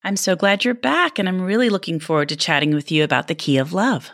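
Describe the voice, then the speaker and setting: A woman hosts a podcast in a presenter's style, delivering a scripted intro and interviewing someone about a book. Her voice is lowish and a bit bright, and she speaks at a quick pace. The recording is dry, with clean studio sound.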